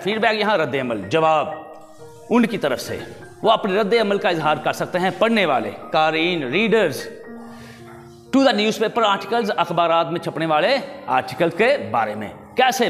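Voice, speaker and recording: A man teaching an English lesson, who reads English terms slowly and repeats them with meanings. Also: on the high side, a bit bright, big-room sound. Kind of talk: classroom lesson explaining answers and spellings.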